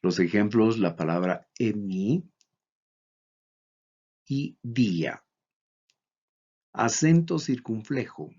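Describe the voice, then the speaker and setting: A man from Bolivia giving a recorded lecture, reading out examples slowly and deliberately. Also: fairly low pitch, lively intonation, darkish tone, slightly rough. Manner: slow, deliberate, reads out examples. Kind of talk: recorded lecture on Greek accents. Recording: dull lo-fi recording.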